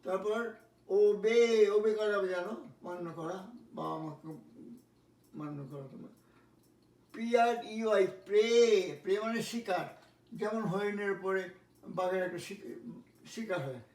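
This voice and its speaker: A man teaching English pronunciation, spelling words letter by letter and repeating each one slowly. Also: high-pitched, darkish tone, far from the mic. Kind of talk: pronunciation lesson. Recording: echoey room, voice from off-mic.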